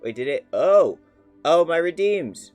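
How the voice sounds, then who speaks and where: A man chatting casually to his live stream audience, playful and rambling with plenty of fillers. His voice sits fairly high for a man. Soft music plays faintly behind him. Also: sing-song, a little slow.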